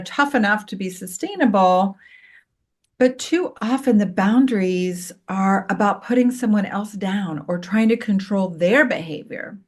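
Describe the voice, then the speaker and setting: A middle-aged woman, a co-parenting coach, explaining her ideas calmly as a podcast guest and walking through everyday examples. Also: mid-range voice. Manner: calm, gently explanatory, gives worked examples.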